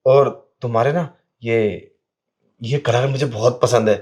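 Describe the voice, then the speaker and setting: A man's voice: medium pitch, fairly even intonation, measured pace, a little mellow. A man in a scripted skit, playing a sleazy man who pretends to be blind, talking in a sly, wheedling way. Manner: sly, wheedling, keeps saying "you know". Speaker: actor in a short skit.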